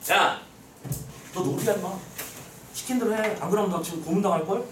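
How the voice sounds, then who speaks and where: A man voicing an arrogant male minister who bullies and threatens a servant in a rough, bossy way. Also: high voice, fairly quick, reverberant, distant mic, heavy background noise, natural voice. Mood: threatening. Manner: rough, bullying.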